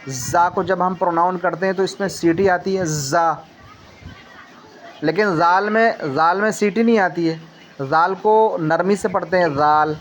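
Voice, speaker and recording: A man teaching Quran reading in a tajweed lesson. He explains slowly, keeps tagging his sentences with a little "na", and says each letter sound over and over for the learner. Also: high voice, fairly even intonation, a little hiss or hum. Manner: leans on the filler tag "na" while explaining.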